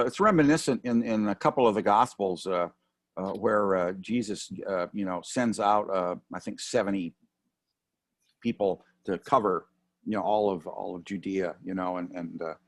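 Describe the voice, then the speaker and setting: A man's voice: low-pitched, normal speed, no room sound, clean studio sound. A man leading an informal class discussion, talking hesitantly with many fillers and restarts. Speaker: course leader.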